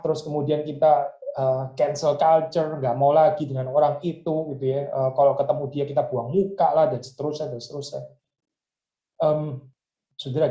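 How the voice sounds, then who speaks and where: A man's voice: fairly high pitch, mellow, echoey room, dull audio. A male pastor giving an evening devotional in a chatty manner, often adding 'ya' and slipping English words into his speech. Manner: conversational, frequent 'ya', mixes in English.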